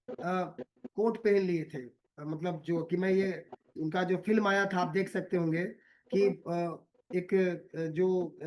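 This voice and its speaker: A man giving a motivational talk to his listeners. He repeats himself, hesitates with many fillers, and calls the audience "my dear". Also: high-pitched. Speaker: motivational speaker.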